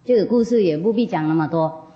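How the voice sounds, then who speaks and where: A woman's voice: fairly low pitch, brisk. A woman spiritual teacher telling a story to an audience in a folksy, chatty way, often laughing. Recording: dull lo-fi recording.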